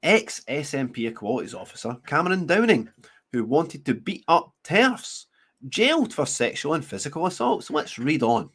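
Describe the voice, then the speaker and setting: A man, hosting his show, reading news stories aloud and breaking off into mocking, sarcastic commentary with frequent laughs and halting restarts. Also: on the high side, sing-song, a bit bright, husky. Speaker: show host.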